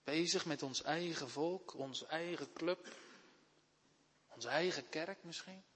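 A man Urk, preaching an earnest sermon that swells into loud, impassioned appeals to the congregation. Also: a little high, slow, husky. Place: church. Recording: long church reverb.

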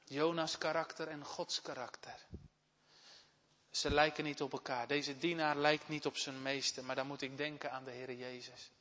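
A man Urk, preaching an earnest sermon that swells into loud, impassioned appeals to the congregation. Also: mid-range voice, flat delivery, moderate pace. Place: church. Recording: long church reverb.

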